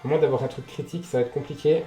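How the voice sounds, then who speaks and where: A mellow-voiced man of medium pitch hosts a laid-back let's play, talking fast with fairly level intonation. He reacts aloud, curses, and speaks straight to the game, all in an echoey room with music behind him.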